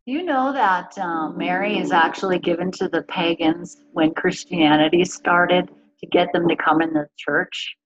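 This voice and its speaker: A woman's voice: on the low side, measured pace, hardly any pauses. A woman in a casual spiritual chat, affirming with brief replies. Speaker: spiritual podcast co-host. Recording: dull lo-fi sound.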